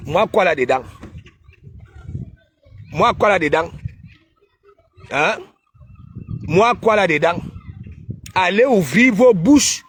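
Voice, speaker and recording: Cameroonian man hosting a live stream, high voice, slow delivery, mocking rants with shouted bursts. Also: animated, a little hiss or hum. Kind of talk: casual ranting live stream.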